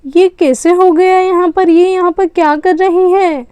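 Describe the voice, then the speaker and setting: A woman narrating a doll story in a plain, unhurried way. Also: very high voice, steady tone, mellow, dry recording, clean studio sound.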